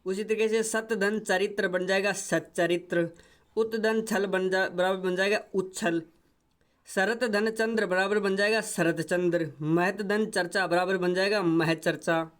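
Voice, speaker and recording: A man with a high, clear voice teaches a grammar lesson. He speaks slowly and works through each rule step by step, repeating every example. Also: fairly even intonation, fairly bright tone. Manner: repetitive step-by-step explaining.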